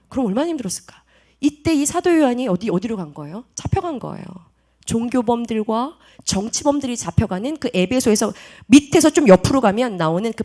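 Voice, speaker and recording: Animated woman preaching to teens. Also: high voice. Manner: animated, questions the students and calls on them by name. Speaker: youth pastor. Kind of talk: youth sermon.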